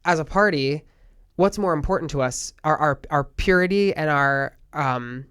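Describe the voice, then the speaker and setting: A young man in casual political talk, earnest and reflective, thinking out loud. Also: fairly high pitch, moderate pace, clean tone. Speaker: podcast host.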